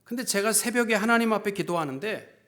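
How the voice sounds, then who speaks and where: A man in his fifties, a pastor preaching a sermon, telling a story and acting out dialogue, dropping to hushed tones and rising to fervent emphasis. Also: high voice, lively intonation, a little fast.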